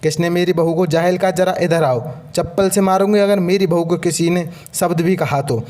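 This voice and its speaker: A sharp-tongued older mother-in-law, read by a man with a high voice, scolding and taunting her household. She is read plainly as part of a storybook telling. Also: fairly even intonation, moderate pace, lightly acted. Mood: angry, protective. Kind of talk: storybook narration.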